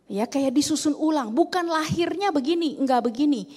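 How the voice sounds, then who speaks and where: A middle-aged woman, giving a lively, chatty talk about a book to a church class, with many fillers and repeats. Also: high-pitched, moderate pace. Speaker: guest speaker at a church couples' class.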